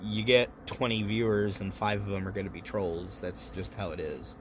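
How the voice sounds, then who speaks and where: During a casual livestream, a tipsy host in his thirties wanders through profane, rambling anecdotes. His low-leaning voice has fairly even intonation and a moderate pace, with noise in the background.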